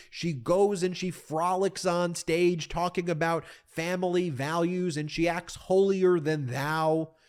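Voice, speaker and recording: A man's voice: fairly high pitch, darkish tone. A man hosting a political commentary, indignant, often repeating himself and addressing his audience as folks.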